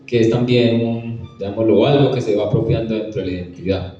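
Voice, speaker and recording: A man's voice: fairly low pitch, steady tone, a little fast, dark tone, faint music behind. A man with a Tolima Colombian accent asking a question from the audience, hesitant and searching for words. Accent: Tolima Colombian Spanish. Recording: echoey hall, far from the mic, dull sound.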